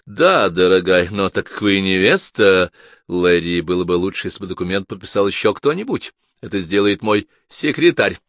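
A man reading an audiobook, voicing a calm older male lawyer who speaks politely and persuasively. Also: sits low, moderate pace, no echo, clean studio sound. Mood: courteous. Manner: calm, courteous.

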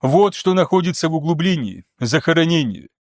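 A man voicing a calm, reserved male expedition leader who speaks quietly and in a measured way. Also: fairly high pitch, no echo, clean studio sound.

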